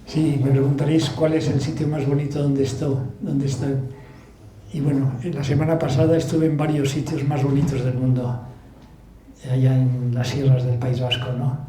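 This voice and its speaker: A man with a Basque accent, an author telling stories to an audience in a relaxed, laughing way with many restarts. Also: medium pitch, normal speed, crowd noise. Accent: Spanish, Basque. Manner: storytelling with laughs and frequent restarts. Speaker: book author giving a talk. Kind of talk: relaxed anecdotal talk to an audience. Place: club hall with audience. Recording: echoey room, faint ambience.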